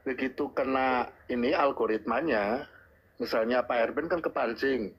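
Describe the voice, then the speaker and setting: A man calls in to a live stream with earnest, repetitive advice. His husky voice comes through muffled and lo-fi, at a middle pitch. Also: moderate pace. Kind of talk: casual advice. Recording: husky muffled lo-fi call audio.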